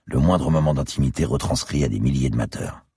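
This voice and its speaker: A man's voice: very deep voice, a little fast, dark tone, slightly rough, no room sound, clean studio sound, heavily acted. A man reading the part of a crude, squeamish male police lieutenant who swears and sounds uneasy. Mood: matter-of-fact.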